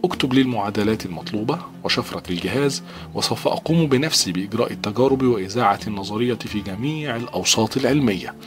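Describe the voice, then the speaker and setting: Audiobook villain: male reader doing a sly, hushed, low-voiced schemer. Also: expressive, rapid-fire, music in the background, close to an everyday voice. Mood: conspiratorial. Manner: hushed, conspiratorial. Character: scheming male scientist colleague, jealous and sly.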